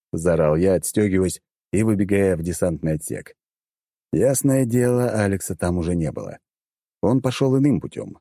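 A man's voice: sits low, dark tone, dry recording. A man reading a first-person audiobook in a wry, casual manner with crude slang, on a close studio microphone. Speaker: audiobook narrator.

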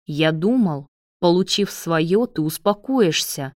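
Woman reader as a mocking cold man, slow and dry. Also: on the low side, lively intonation, no echo. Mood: sneering. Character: cold, mocking man facing his ex-lover.

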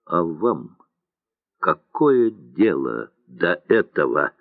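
A man's voice: deep voice, sing-song, takes it slowly, dry recording, full character voice. A man voicing an arrogant young cavalry officer who speaks coldly and haughtily. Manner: cold and haughty. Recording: dry tinny lo-fi sound.

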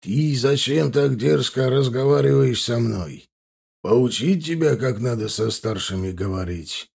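A menacing older market boss with a gravelly, husky voice, as a male audiobook reader puts him on. He speaks slowly and looks down on whoever he talks to. The tone stays dark and heavy. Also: medium pitch.

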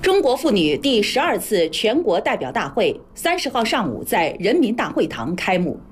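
A woman with a standard mainland Mandarin accent reading scripted news as a formal, measured anchor. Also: medium pitch, very animated, slight background noise.

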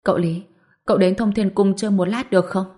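A woman's voice: medium pitch, steady tone, fast talker, warm tone, close to an everyday voice. Dignified old sect patriarch, as a woman reads him. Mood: courteous. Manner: courteous, commanding. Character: middle-aged male Taoist patriarch, dignified. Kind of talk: audiobook narration.

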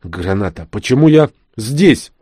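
A confused, pleading captured soldier, as a male audiobook reader puts him on speaks hoarsely and haltingly. The voice stays near the reader's own low register. The recording is dry and close. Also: sing-song, a little mellow, no echo, exaggerated voice.

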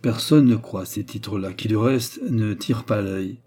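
A man's voice: lowish voice, normal speed, mellow. A man doing a sly mocking baronet. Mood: scheming. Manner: smooth, teasing, coldly calculating. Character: scheming mocking male baronet, around thirty. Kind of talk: audiobook character reading.

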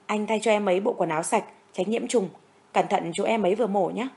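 A woman's voice: mid-range voice, fast talker, vocal fry, a little mellow, close to an everyday voice. A woman voicing brave tearful young medic. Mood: gentle. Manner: urgent, pleading.

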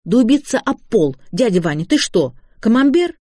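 A man reading an audiobook, voicing an excitable, chirpy young woman who exclaims and uses slang. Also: high voice, moderate pace, dry recording, clean studio sound, pitched above the performer's own voice. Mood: excited.

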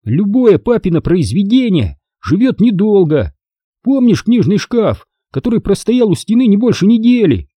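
An exasperated twelve-year-old boy who snaps at his little brother, as a man narrating a storybook puts him on. His voice is high and lively, with a husky edge and short, impatient, scolding bursts. The recording is dry and close. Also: moderate pace, no echo, full character voice.

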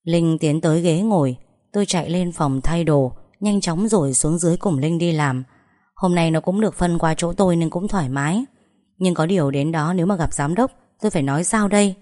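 A woman reading a first-person story aloud in a plain, steady manner. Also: fairly low pitch, brisk.

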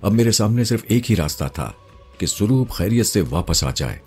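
Deep, husky male storyteller. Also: big pitch swings, darkish tone, soft background music. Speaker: narrator. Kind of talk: first-person story reading.

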